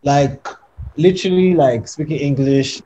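Unhurried and a little high-pitched, this young podcast co-host joins from home by video call for a laid-back debate among friends. He pushes his point in an animated, emphatic, persuasive manner, frequently checking in with "you know what I'm saying." The audio quality is poor, with slight background noise.

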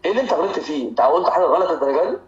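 Fast, high-voiced Egyptian man lecturing. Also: roomy sound, highs cut off. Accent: Egyptian Arabic. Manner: lively, teasing, drills terms by repetition. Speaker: medical lecturer. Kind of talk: lecture to students. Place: lecture hall.

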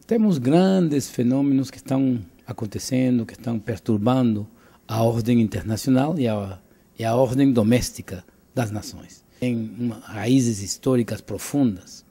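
An older man from Cuba speaks in an interview in a living room, close to a handheld microphone. His voice is gravelly, husky and dark. He talks earnestly and with emphasis, repeating and restarting words as he builds his point. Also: mid-range voice, moderate pace. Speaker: interviewee, author. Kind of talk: interview answers. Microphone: handheld mic held by interviewer.

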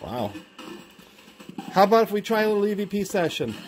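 A man's voice: high voice, big pitch swings, a little fast, noisy background. A man, middle-aged, talking informally and ramblingly as he hosts a homemade video, recorded indoors on a handheld camera. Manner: informal, rambling, talks to himself. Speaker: video host. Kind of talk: casual vlog narration with questions called out to spirits. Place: indoors by a window in a room. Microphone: handheld camera, speaker off screen.

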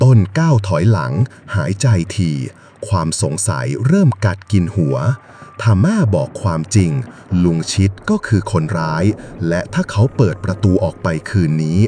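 A man's voice: low voice, dark tone, a little hiss or hum. A man narrating a ghost story in a dramatic, suspenseful way. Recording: distant mic with music underneath. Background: background music.

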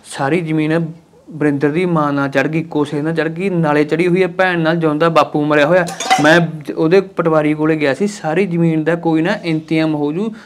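Man as a scheming husband, placating, Punjabi accent, slightly high voice. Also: steady tone, a little fast, slight background noise, close to an everyday voice. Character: scheming husband eyeing the family land.

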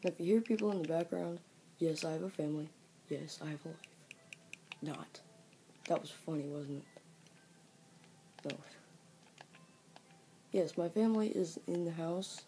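A woman giving chatty, jokey commentary on her game and talking to viewers, with excitable outbursts as she plays at home. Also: deep voice, measured pace, pauses often, a little hiss or hum. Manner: excitable outbursts during play. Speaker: gaming video creator. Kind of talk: let's play game commentary.

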